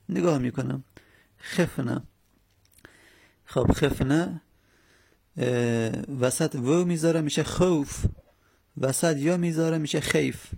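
Gravelly man teaching grammar, unhurried. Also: on the high side, a little mellow. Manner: explains slowly step by step, with many pauses and fillers. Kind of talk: Arabic grammar lesson.

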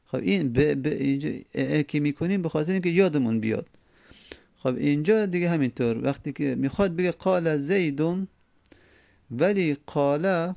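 A man's voice: mid-range voice, vocal fry, darkish tone, dry recording. A male teacher, a native Persian speaker, explaining Arabic grammar step by step, repeating each form with frequent hesitations.

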